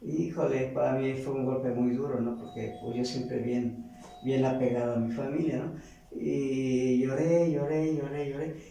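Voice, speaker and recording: A man's voice: medium pitch, fairly even intonation, vocal fry, dark tone, distant mic, slight background noise. Earnest Mexican man in an echoey church. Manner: halting, repeats words, earnest. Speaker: parishioner giving a testimony. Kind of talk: personal faith testimony. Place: large church hall.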